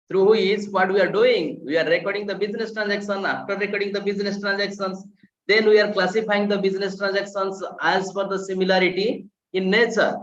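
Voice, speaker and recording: A man's voice: sits high, a bit bright, echoey room, far from the mic, muffled recording. A man teaching an online class, explaining with rhetorical questions and repeating key phrases. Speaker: lecturer. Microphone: video call.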